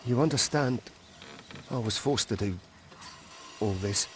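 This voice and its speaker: An actor playing a subdued, remorseful father in a video game, speaking in a hushed way. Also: mid-range voice, unhurried, slight background noise, lightly acted. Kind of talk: video game drama acting.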